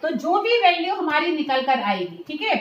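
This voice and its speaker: A woman teacher with a high voice explains a lab procedure step by step in a school chemistry lab. She talks patiently and keeps checking that her students follow along. The room gives her voice a clear echo. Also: very animated, moderate pace, dull audio. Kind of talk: hands-on lab demonstration. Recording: roomy echo.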